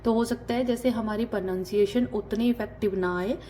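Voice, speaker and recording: A woman from Punjab teaching a spoken language lesson. She explains patiently with hesitant fillers and slowly repeats each word for learners. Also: medium pitch, fairly even intonation, mellow, slight background noise. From Punjab, India. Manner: slow, repeats words for learners.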